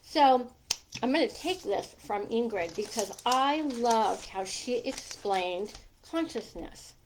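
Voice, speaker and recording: A mature woman with a fairly high voice and a noticeable lisp that whistles on her s. She talks like a coach on a casual livestream, chatty and informal, wandering into little asides as she addresses her viewers. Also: expressive, slow, noisy background. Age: middle-aged or older. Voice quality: lisp with whistling, slushy s from a gap in her teeth.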